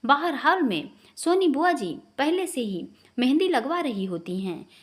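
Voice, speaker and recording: A woman storyteller giving a steady, expressive scripted narration. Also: sits high, a little slow.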